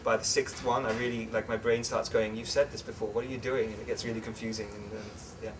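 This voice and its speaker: A young English-born man raised in the Netherlands, talking as an interview guest in a relaxed, chatty way with many fillers and restarts. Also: on the low side, quick pace. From England, raised in the Netherlands. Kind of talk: casual interview chat. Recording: distant mic with clear background noise.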